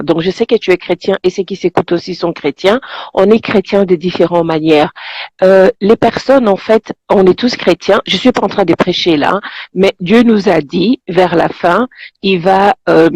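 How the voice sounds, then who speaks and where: A woman's voice: medium pitch, a little mellow, dry recording, highs cut off. A woman from Congo, calling in by phone and rambling in a preachy way while laughing often. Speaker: caller. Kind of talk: phone-in commentary. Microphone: phone call.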